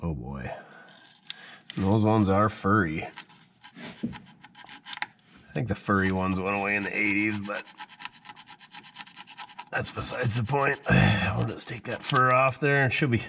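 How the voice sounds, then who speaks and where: A man's voice: fairly low pitch, measured pace, pauses often, background noise. A man narrating his own car repair in a garage, joking and muttering to himself as he works. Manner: joking, self-mocking, muttering to himself while working. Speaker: mechanic, channel host. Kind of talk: casual first-person workshop narration.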